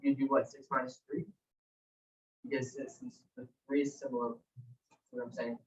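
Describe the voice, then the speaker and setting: Male student, unsure question, flat delivery, distant and muffled. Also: mid-range voice, moderate pace. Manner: hesitant, asking a question. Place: classroom.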